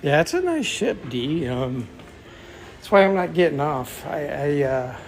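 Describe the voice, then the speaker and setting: A man's voice: a little high, sing-song, a little slow, gravelly. A man casually vlogging as he walks through a cruise ship, chatting to viewers as he goes. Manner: chatty, talks to viewers while walking. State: out of breath from climbing stairs. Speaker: travel vlogger. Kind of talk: casual walking vlog. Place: cruise ship interior, stairwells and lounges.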